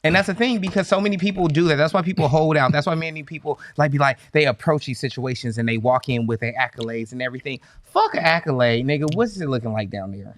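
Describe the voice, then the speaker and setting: A man telling stories in casual podcast chat, animated and full of profane slang. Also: a little high, fast talker, hardly any pauses. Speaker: podcast co-host.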